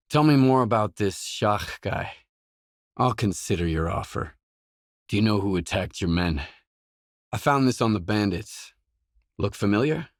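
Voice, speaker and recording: A male actor voices a gruff, guarded, hard-bitten mercenary in a video game, delivering terse, blunt, businesslike lines in a probing mood. His voice is on the low side, recorded with clean studio sound and no echo.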